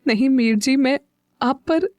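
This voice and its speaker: A woman playing a guilt-ridden young woman in an audio drama, close to tears, her words stopping halfway. The voice is mellow, dry and close. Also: sits high, unhurried, no room sound, pitched above the performer's own voice. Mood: tearful. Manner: hesitant, breaking off mid-sentence. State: crying, choked up.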